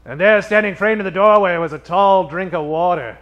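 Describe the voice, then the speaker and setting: A lo-fi recording captures a high-pitched man narrating a tongue-in-cheek detective show styled after 1940s radio, music running behind him. Melodramatic and theatrical, he draws out each punchline.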